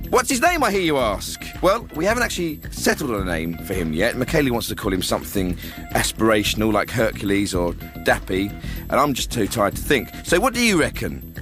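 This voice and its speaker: A man's voice: mid-range voice, close to an everyday voice. An actor playing a glib, self-satisfied male host of a radio phone-in show. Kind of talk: comedy phone-in hosting.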